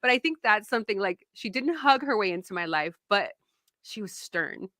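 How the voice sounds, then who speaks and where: A woman in her thirties hosting a podcast, animated and laughing as she tells stories. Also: mid-range voice, normal speed, no room sound, clean studio sound. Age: 30s. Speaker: podcast host and founder. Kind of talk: casual podcast chat.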